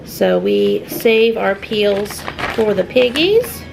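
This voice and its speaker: A woman's voice: medium pitch, very animated, slow pace, gravelly. A woman vlogging casually from her farm kitchen and barnyard, chatty and homey, coaxing her animals along. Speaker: homestead vlogger. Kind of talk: casual chat to camera.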